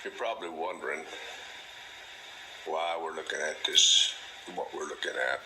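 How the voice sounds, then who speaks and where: A man hosting a monologue, talking slowly and deliberately in a drawling, folksy way. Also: steady tone, pushed and bright, slight background noise, low-quality recording. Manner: drawling, folksy, mimics a delighted parent in a high voice; slow, deliberate delivery. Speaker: host. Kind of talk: monologue to camera.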